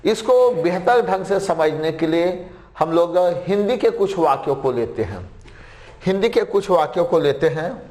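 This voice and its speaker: A man's voice: high voice, expressive, a little slow, a little mellow, roomy sound. A man teaching a grammar lesson, repeating key phrases and examples and reading sentences out word by word. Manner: reads English sentences word by word.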